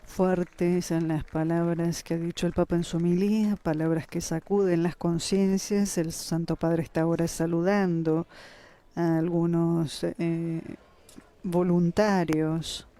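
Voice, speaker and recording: A man's voice: fairly high pitch, flat delivery, unhurried, dark tone. A man giving live broadcast commentary on a religious ceremony.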